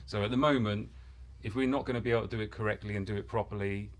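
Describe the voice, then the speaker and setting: Excitable low-voiced male game designer. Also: racing. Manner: excitable, joking, then earnest explanation. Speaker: miniatures game designer on a panel. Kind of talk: casual chat.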